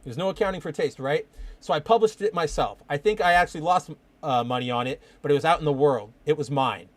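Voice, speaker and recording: Man reading as an older male newspaper editor, reflective, read-aloud comic lines, slightly high voice. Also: quick pace, no room sound, close to an everyday voice.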